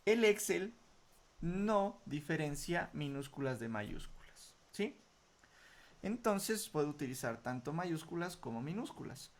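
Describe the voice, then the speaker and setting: A man teaching a software tutorial, explaining each step patiently and often checking in with short questions before answering his own. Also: fairly high pitch, sing-song, a little slow. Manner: asks rhetorical questions then answers them. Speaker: computer skills instructor. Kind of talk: screen-recorded software tutorial.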